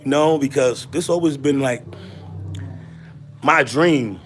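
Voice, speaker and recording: A man from Haiti hosting a casual livestream, reading viewer comments and greeting people by name in an animated, repetitive way. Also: medium pitch, slow pace, faint music behind. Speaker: livestream host.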